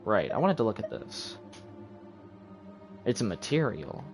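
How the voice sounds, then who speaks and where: A man gives casual gameplay commentary on a livestream, muttering asides to the game and its characters as he plays. His voice is fairly low with big pitch swings and a measured pace, and loud video game music sits behind it.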